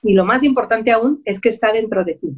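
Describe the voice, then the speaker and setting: Woman, coach, earnest and encouraging, higher voice, dull lo-fi sound. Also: fairly quick. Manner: earnest, encouraging, addresses listeners directly. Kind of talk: motivational coaching talk. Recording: dull lo-fi audio.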